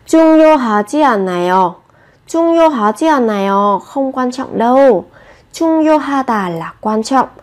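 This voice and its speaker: Clear woman teaching Korean phrases. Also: a little high, a little mellow. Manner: models each Korean phrase twice, then explains it patiently. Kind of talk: language lesson, repeating phrases slowly.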